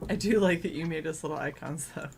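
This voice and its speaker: A woman's voice: low voice, fast talker, vocal fry, darkish tone, a little hiss or hum. A woman playing a tabletop game, talking casually with blunt, teasing remarks. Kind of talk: casual banter.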